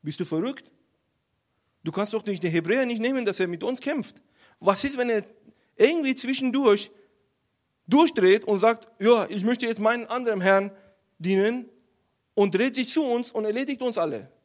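A man voicing a blunt, agitated army general who scolds a young king loudly and in disbelief. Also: high-pitched, animated, brisk, pauses often. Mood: scolding. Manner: loud, scolding, incredulous.

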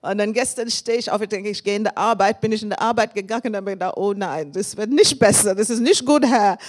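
A woman's voice: medium pitch, fast talker. English woman preaching with joyful praise. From England. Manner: warm and thankful, with frequent laughs and praise shouts. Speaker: guest preacher. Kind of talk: sermon with personal testimony.

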